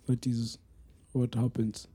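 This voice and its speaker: A man's voice: mid-range voice, monotone, slow pace, dark tone, husky. A man, talking casually as a podcast panellist. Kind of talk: casual discussion.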